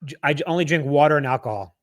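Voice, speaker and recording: A man co-hosting a podcast, talking casually with a deadpan, wry humor. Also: fairly high pitch, rapid-fire. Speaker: podcast co-host. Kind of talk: casual conversation.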